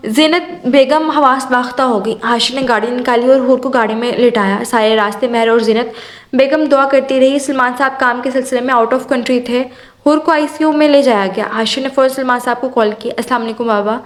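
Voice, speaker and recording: High-voiced woman narrating a novel. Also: fairly quick. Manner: steady storytelling read. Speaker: audiobook narrator.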